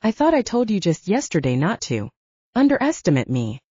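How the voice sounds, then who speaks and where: A woman's voice: on the low side, wildly swooping pitch, a little fast, mellow, husky, no echo, full character voice. A woman voicing a confident male hero who speaks in a teasing, self-assured way. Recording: dull lo-fi.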